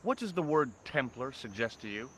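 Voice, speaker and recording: A wry, inquisitive hero, voiced by a man who narrates his own video game adventure. His pitch is lively and rises and falls as he questions people, with a dry, sarcastic edge. Faint crickets can be heard in the background. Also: moderate pace, a little hiss or hum, lightly acted. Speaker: narrator and protagonist.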